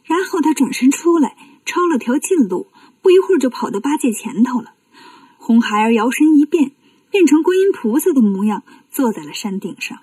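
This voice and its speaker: A woman narrating a children's story as a storyteller, lively and expressive. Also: high voice, normal speed, no room sound, recorded from a distance.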